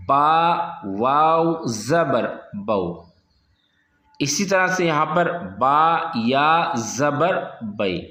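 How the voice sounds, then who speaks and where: A male teacher giving a slow, patient lesson, spelling out syllables one by one and repeating them for the learner. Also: a little high, a bit bright. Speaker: Quran reading teacher. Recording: roomy echo.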